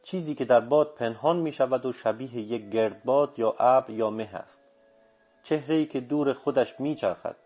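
A man's voice: medium pitch, warm tone, husky, close to an everyday voice. A man reading a stern, commanding old sorcerer. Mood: explaining. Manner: commanding, terse instructions. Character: older male sorcerer, calm, stern and commanding. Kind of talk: audiobook character reading.

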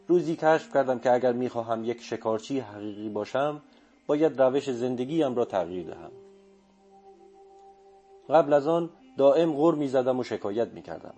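A man voicing a calm old male native sorcerer who speaks slowly and bluntly. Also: medium pitch, close to an everyday voice. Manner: slow, steady, cutting.

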